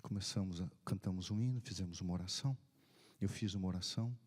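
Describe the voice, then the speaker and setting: A low-pitched, slightly mellow male voice moves at a quick pace. He's a pastor recounting a deathbed story during a sermon, acting out the dialogue, sometimes falling to a whisper and then rising in bursts.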